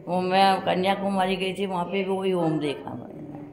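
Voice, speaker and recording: Older woman, rambling memoir storytelling, lowish voice, roomy sound. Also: steady tone, normal speed, a little mellow. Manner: rambling storytelling that acts out others' words. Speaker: interviewee recalling her past. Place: hospital room. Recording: roomy recording with crowd noise.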